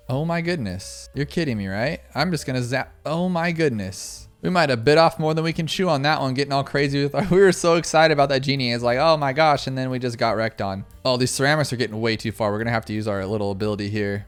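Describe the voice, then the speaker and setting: A young man giving excited, running commentary over a video game, exclaiming often and talking to his viewers. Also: mid-range voice. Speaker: gaming YouTuber.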